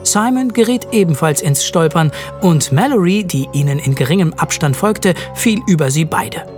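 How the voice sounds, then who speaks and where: An audiobook narrator telling a fantasy story in a steady storytelling voice. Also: medium pitch, normal speed, soft background music. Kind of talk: scripted narration.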